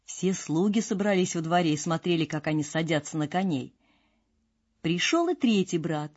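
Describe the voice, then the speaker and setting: Husky woman reading a fairy tale. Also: lowish voice, moderate pace. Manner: expressive, storybook delivery. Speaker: narrator. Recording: dull lo-fi with faint music.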